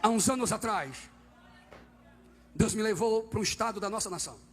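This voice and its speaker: A man preaching a fiery church sermon, swinging from quiet, close talk up to shouted, high-pitched calls to the congregation. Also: a little fast, a little hiss or hum. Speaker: visiting preacher. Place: church service.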